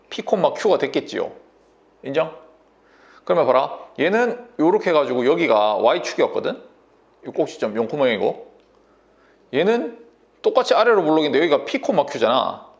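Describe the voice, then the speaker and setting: A man's voice: a little high, gravelly, highs cut off. A man tutoring math at a whiteboard, talking bossy and casual and checking understanding constantly with a sore throat.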